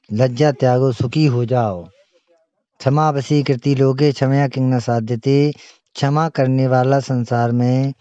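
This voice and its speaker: Slow, mellow man explaining verses. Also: medium pitch, clear, resonant tone, dry recording, highs cut off. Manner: recites a verse, then explains it line by line. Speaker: teacher.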